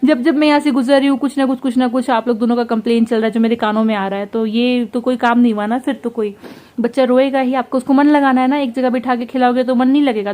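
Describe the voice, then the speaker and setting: Brief: young woman, home vlogger, fast animated storytelling, tired and unwell, slightly high voice. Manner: fast, animated recounting with quoted dialogue. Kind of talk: casual vlog storytelling.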